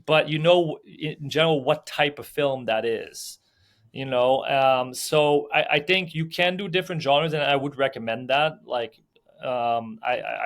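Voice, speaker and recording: A chatty, Belgian-raised film producer and sales agent appears as a guest on a casual podcast interview. His medium-pitched voice is gravelly and a bit bright, and he talks loosely and conversationally, with many fillers and restarts.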